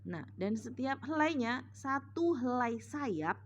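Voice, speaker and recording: A woman's voice: fairly high pitch, animated, slow pace. A woman religious teacher telling a story as a lesson, patiently, step by step. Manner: patient, retelling step by step with "nah" and "sama". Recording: dull lo-fi recording with faint hum.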